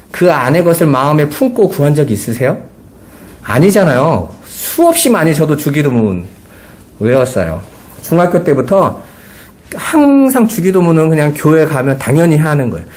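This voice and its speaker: A man's voice: on the high side, a little mellow. A middle-aged man preaching a Sunday sermon as pastor, earnest, asking his listeners rhetorical questions.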